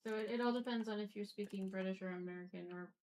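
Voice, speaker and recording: A woman playing in a tabletop game who speaks haltingly and earnestly, filling her pauses with "um". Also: mid-range voice, steady tone, darkish tone, slight background noise, poor audio. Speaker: player.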